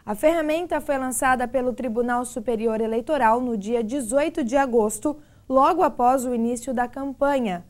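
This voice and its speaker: High-voiced woman news anchor. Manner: clear, measured anchor delivery. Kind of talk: read news presentation. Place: TV news studio. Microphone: lapel mic.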